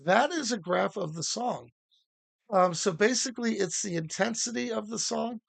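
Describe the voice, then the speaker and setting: A man hosting a casual livestream workshop, talking haltingly with many fillers and restarts. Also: high-pitched, animated, gravelly, a bit bright, dry recording. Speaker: host.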